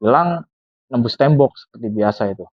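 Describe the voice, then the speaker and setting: A grieving middle-aged father who talks earnestly and at length, as a man narrates him. His voice sits at an ordinary pitch and comes through a thin, phone-like sound with no room echo. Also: animated, a little fast, breathy edge. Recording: tinny phone-like, dry.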